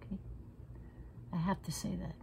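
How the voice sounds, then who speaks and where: A makeup vlogger in her 60s talks at a moderate pace in a fairly low, creaky, darkish voice with little pitch movement. Close in front of the camera in her living room, she does her makeup and chats casually, frankly, and feistily, occasionally half-whispering, over slight background noise.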